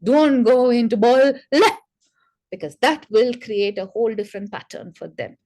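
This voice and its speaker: A woman's voice: fairly high pitch, lively intonation, moderate pace, warm tone. A woman speech therapist giving an educational talk to parents, explaining in a conversational way and sounding out speech sounds as examples. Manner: addresses listeners directly, conversational asides.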